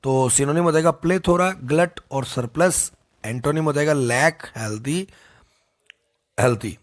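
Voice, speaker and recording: Man, vocabulary teacher, folksy, repeats and stresses words, slightly high voice. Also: a little slow. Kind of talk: explanatory lesson with memory tricks.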